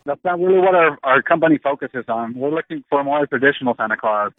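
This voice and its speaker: A man's voice: medium pitch, fast talker, no room sound. A man on a phone line, answering a caller politely and patiently but turning him down firmly. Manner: polite, patient, firm refusals. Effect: heard over a phone line. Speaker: prank call target. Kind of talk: phone conversation on a radio show.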